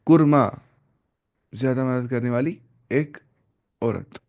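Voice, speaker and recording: A man teaching an Arabic grammar class, slowly repeating word forms and correcting himself as he goes. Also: mid-range voice, darkish tone. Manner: slow and repetitive, drilling word forms with self-corrections.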